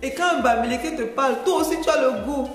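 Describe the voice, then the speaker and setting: A woman's voice: high voice, fast, roomy sound, in a large hall, faint music behind. A woman from Cameroon with a Cameroonian French accent, chatting casually as a vlogger, explaining and repeating phrases and laughing often.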